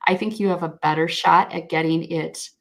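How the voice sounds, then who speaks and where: Low gravelly woman explaining SEO. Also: steady tone, moderate pace. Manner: thoughtful, self-correcting, frank asides. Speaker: guest SEO expert. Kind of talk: conversational explanation.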